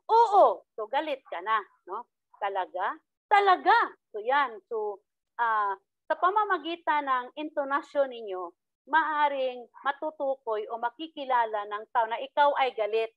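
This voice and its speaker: A woman's voice: on the high side, no room sound. A woman teacher giving a step-by-step lecture, acting out sample lines with rising tones. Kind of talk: classroom lecture. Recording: tinny phone-like dry sound.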